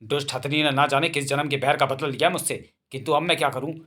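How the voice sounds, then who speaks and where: A man's voice: fairly high pitch, steady tone, fast talker, bright, forceful tone. A man voicing a bumbling, cowardly comic hero who panics and complains. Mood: grumbling.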